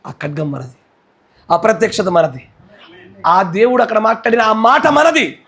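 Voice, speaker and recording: Telugu accented pastor guy, pretty high voice, fiery preaching, shouts a lot then drops low. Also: moderate pace. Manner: fervent preaching, swings between shouting and low intensity. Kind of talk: sermon.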